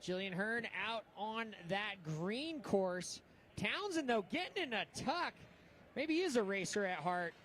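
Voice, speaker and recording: A man with a notably high voice works as a race caller, following the action as it happens. His live sports commentary comes with audible event noise behind it. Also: expressive, a little slow, fairly bright tone. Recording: clear background noise, outdoor event ambience.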